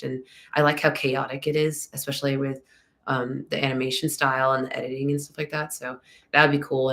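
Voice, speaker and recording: A young woman with a low, gravelly voice answers fan questions live, rambling between ums. She is congested and has a slight lisp. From Texas. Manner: chatty, rambling, many ums. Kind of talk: casual live Q&A chat.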